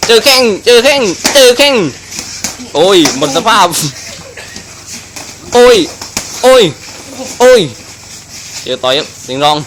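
A man doing excited Muay Thai boxing commentary, full of exclamations and rapidly repeated phrases. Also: sits high. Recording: noisy live event recording.

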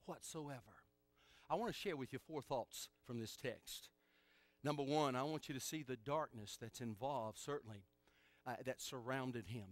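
A male pastor preaching a sermon in church, emphatic and animated, with joking asides. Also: mid-range voice, no room sound.

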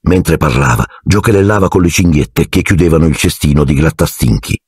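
A man's voice: extremely low pitch, brisk, breathy edge, no room sound, clean studio sound. A man narrating an audiobook expressively, acting out each character.

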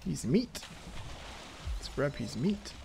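A man giving excitable let's play commentary, laughing and talking to himself as he plays. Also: on the high side, takes it slowly, gravelly, slight background noise. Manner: excitable, laughs, talks to himself while playing. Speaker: gaming YouTuber. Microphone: headphones on, desk mic.

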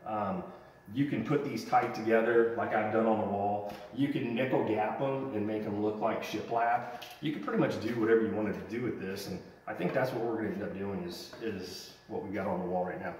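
This man in his thirties speaks a little fast in a lowish, darkish voice, giving a casual, rambling how-to on a woodworking build. As a home renovation vlogger, he records in a big unfinished basement where the camera mic sits a few steps off, leaving him distant and echoey with a bit of noise behind him.

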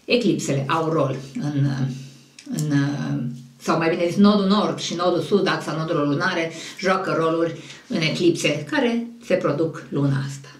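Roomy, distant astrologer voice. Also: medium pitch. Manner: conversational, digressive, self-correcting. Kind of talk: monthly horoscope monologue.

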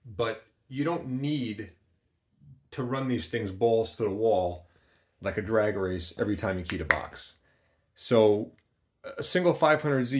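A man casually demonstrating equipment in a small workshop, plain-spoken with frequent ums, speaking off camera. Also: lowish voice. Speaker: amplifier builder demonstrating equipment.

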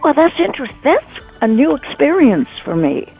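A woman's voice: high voice, big pitch swings, normal speed, faint music behind. An older woman on a phone call, confused at first, then laughing and playing along. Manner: bewildered, laughs easily. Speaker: prank call target. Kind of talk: phone conversation. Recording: muffled phone line.

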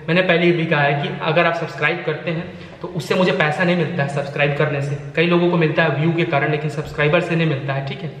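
Holding the camera out at arm's length, this thirtysomething vlogger speaks in a high, fairly bright voice, earnestly explaining things and repeating himself in a casual way. He moves between an empty house and the outdoors, with the bare rooms producing echo and slight background noise.

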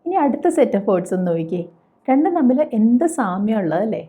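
A woman's voice: medium pitch, very animated, fast talker, mellow. A woman teaching a spoken English lesson, patiently explaining and asking questions before answering them. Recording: tinny phone-like sound.

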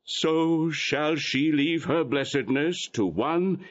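In lo-fi sound, a male actor voices a solemn, exalted archbishop prophesying blessings for a Shakespearean audio drama. His fairly high voice is slow and solemn, the mood prophetic, and he declaims in a reverent, oratorical manner.

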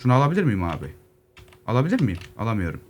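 A man's voice: medium pitch, very fast. A young man from Turkey giving casual solo gameplay commentary, joking with zombies and muttering as he loots. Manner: lively, joking asides to zombies, muttering while looting. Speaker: gaming YouTuber. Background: keyboard clicks, faint noise.

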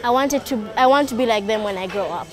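A woman's voice: a little high, fast, loud music behind the voice. A young female camper in a documentary interview, earnest and hopeful. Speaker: camp participant.

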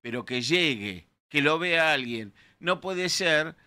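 On an opinionated radio panel, an indignant, emphatic man in his sixties speaks Rioplatense Spanish into a studio microphone, wearing headphones. His voice runs on the high side, slow with lively intonation, its tone sharp and clean.

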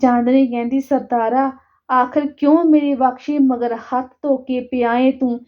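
A woman's voice: high voice, steady tone, unhurried, dull audio. A woman storyteller reading a serialized story aloud and voicing every character herself, including a defiant mother.

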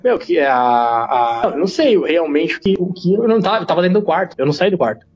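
A man tells a personal story in rapid, slangy, animated speech. His voice sits fairly high for a man. The recording is dull and lo-fi. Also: husky. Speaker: podcast guest. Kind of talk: casual storytelling.

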